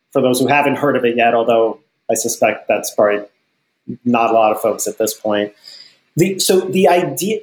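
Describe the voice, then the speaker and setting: Team co-owner guy rambling through ideas, kinda high voice, echoey room. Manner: explains at length, with frequent restarts. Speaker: sports team co-owner and investor. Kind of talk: casual interview conversation. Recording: roomy echo.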